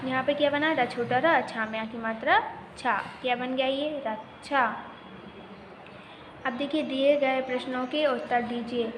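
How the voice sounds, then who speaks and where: High-voiced woman teaching a grammar lesson. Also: steady tone, a little slow. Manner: asks questions and answers them herself, spells out syllables. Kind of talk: primary school grammar lesson. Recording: echoey room with faint noise.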